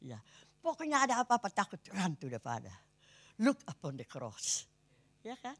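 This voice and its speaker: An elderly woman pastor in her eighties with a Kupang Malay accent, preaching a sermon. Her voice is husky and a little breathy, and her pitch rises and falls in a very lively way. She talks conversationally and keeps turning to the congregation with rhetorical questions. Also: moderate pace. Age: 80s.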